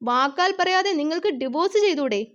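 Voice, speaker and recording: A sharp-tongued ex-wife, voiced by a woman reader, mocking and dismissive. High-pitched, on a dull, lo-fi recording. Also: expressive, a little fast.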